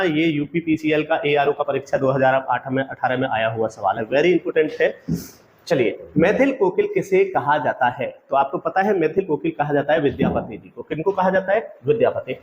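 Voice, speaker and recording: A man with a fairly high voice teaches an exam-prep class. He asks a question, answers it himself and asks it again so the answer sticks, calling the audience friends. The recording is dull and lo-fi, with faint background ambience. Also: fairly quick, a little hiss or hum. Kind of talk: quiz-style lecture.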